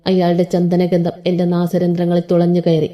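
A woman narrating a first-person audio story in a steady, measured way. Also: fairly low pitch.

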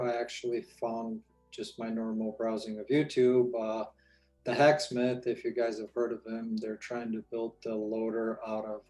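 Man, workshop presenter, warm mellow tone, relaxed talk, lots of ums. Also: lowish voice, rough recording. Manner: casual, informal with many fillers. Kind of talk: live online presentation.

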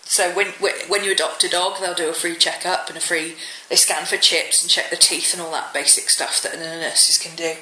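She speaks a little fast in a lowish, pushed and bright voice, with little pitch movement and hardly any pauses, a slight wheeze from her cold audible. This British woman in her thirties is casually chatting in a home vlog indoors. A handheld phone or camera captures an echoey room with some noise and clicks.

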